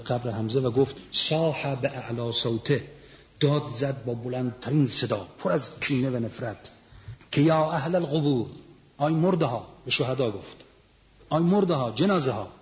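Man, sermon, emphatic storytelling, muffled recording, long hall reverb. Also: mid-range voice. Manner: storytelling, rising to emphatic peaks. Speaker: religious lecturer.

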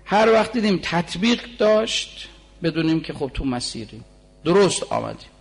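A man in his forties delivering a sermon with a gravelly, raspy edge to a voice that sits a little high for a man. He talks to the listeners in an easy, conversational way, then slows right down to chant lines of verse in long, drawn-out phrases. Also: animated. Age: 40s. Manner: shifts between conversational preaching and slow, drawn-out chanting of poetry. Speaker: preacher.

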